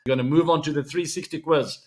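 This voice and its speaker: Speaking fast in a slightly high voice, the same forties-aged show host with an Afrikaans-accented South African English voice runs his casual sports show. He's relaxed and chatty with his fans, packs his talk with fillers, and keeps addressing them as "guys."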